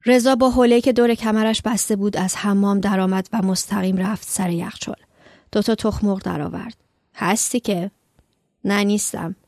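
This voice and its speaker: Woman reading a story, slight vocal fry. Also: mid-range voice, steady tone, a little mellow, no room sound, clean studio sound. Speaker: author reading her own story.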